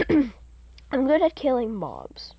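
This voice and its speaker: A teenage girl hosting a gaming channel gives hyper, giggly let's-play commentary, rambling with lots of "like" fillers. Her voice is high-pitched and slow, with huge pitch swings and a mellow, breathy edge. It's captured on a phone's screen-recording mic with no echo.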